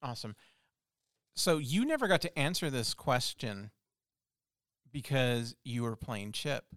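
A woman hosting a casual interview, speaking with a lisp and asking relaxed, brief questions. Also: extremely low pitch, measured pace, no echo, studio quality. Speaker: interview host.

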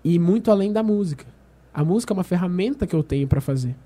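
Talking quickly, a man gives a casual faith testimony in conversation, his voice a bit high but gentle and mellow. He tells it earnestly, voices the characters in his story, and often backs up to restart a sentence.

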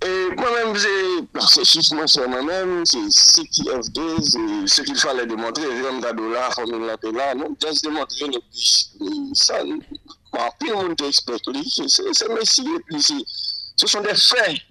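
A man's voice: a little high, expressive, a little slow, pushed and bright, poor audio. A man talking football on a radio show, hesitant and repeating words as he explains. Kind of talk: radio sports talk.

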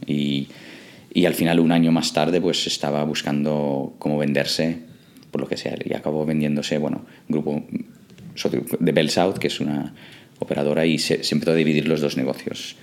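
A man's voice: a bass voice, little pitch movement, normal speed. A man from England, a startup co-founder, answering interview questions in a hesitant way with many fillers and restarts.

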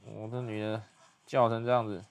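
A young man giving hushed, muttered play-by-play commentary as he reacts to a video. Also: on the low side, flat delivery, moderate pace, slight background noise.

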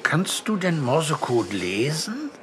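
A man's voice: on the high side, sing-song, slow, a crowd in the background. A man voicing an eager little girl. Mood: hushed. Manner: bright, eager, bouncy. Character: cheerful curious young girl. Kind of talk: children's audiobook.

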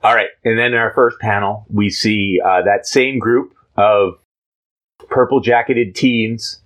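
On a low-quality recording, a fairly low-pitched man talks a little slowly while co-hosting a casual podcast chat. He reads a comic aloud and describes it playfully, animated and slipping into character voices.

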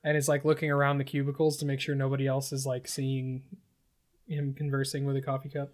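A man's voice: medium pitch, monotone, fairly quick. A man casually describing an imagined film scene, with many fillers. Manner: loose, filler-heavy narrating. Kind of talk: casual comedic story pitch.

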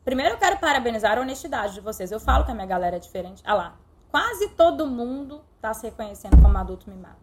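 A woman's voice: a little high, big pitch swings, fast, noisy background. A middle-aged woman teaching a live-streamed online lesson, speaking directly and affectionately to her viewers. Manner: warm direct coaching, addresses viewers affectionately.

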